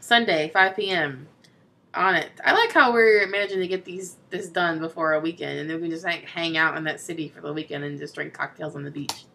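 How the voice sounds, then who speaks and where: A woman's voice: low-pitched, brisk, gravelly, pushed and bright, a little hiss or hum. A young woman co-hosting a let's play, chatting casually, giggling and reading game text aloud in a playful way. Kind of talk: casual gameplay chat.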